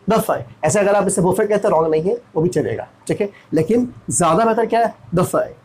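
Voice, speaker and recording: A man's voice: high voice, a little mellow, breathy edge, low-quality recording. A man from India teaching pronunciation, repeating each word and spelling it out letter by letter. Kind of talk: classroom pronunciation lesson.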